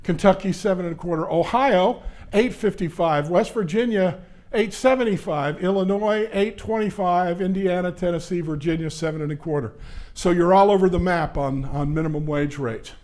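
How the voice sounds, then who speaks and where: A labor law attorney in his sixties gives a legal seminar in a conference session room, speaking into a handheld or stand microphone. His voice sits high, and he lectures loudly, briskly and conversationally, dropping in plenty of "uh" fillers.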